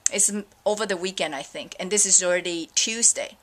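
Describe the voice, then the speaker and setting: A woman's voice: lowish voice, a little fast, fairly bright tone. A middle-aged woman from Taiwan, ranting casually in a vlog with many fillers and an exasperated manner. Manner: rambling, exasperated, frequent fillers. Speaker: vlogger. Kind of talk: casual opinion rant.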